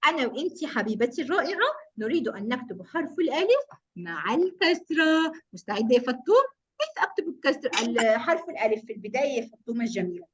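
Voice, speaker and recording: A woman's voice: high voice, big pitch swings, fast, dull audio, a little hiss or hum. A woman teaching a kindergarten class online. She speaks in an affectionate, sing-song and encouraging way over a video call. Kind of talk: online class for small children.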